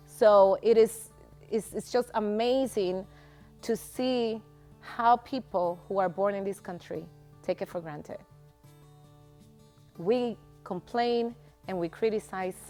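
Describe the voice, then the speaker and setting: A middle-aged woman, giving a personal testimony in a passionate, emphatic way. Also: medium pitch. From Dominican Republic. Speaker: guest.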